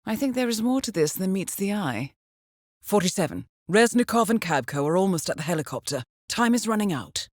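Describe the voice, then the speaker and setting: A woman with a mid-range, animated voice speaks fairly quickly, sounding close to everyday speech with no echo. She plays a poised intelligence handler in a video game, briefing an assassin in a cool, businesslike way. Her delivery is composed and formal, laced with dry wit.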